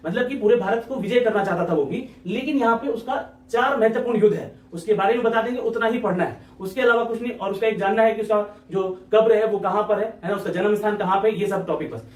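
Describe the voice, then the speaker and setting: A male exam-prep teacher talks at a rapid clip, repeating points and checking in with his listeners. His voice sits high, and he sounds a little far from the mic in an echoey room.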